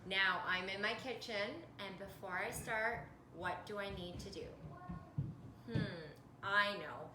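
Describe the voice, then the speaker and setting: Woman, kids show host manner, sing-song instruction for children, mid-pitched voice, echoey kitchen recording. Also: unhurried. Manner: simple, sing-song teacher-like address to children, with questions. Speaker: presenter of a children's cooking video. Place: home kitchen. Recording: echoey kitchen, loud background noise, pan clatter.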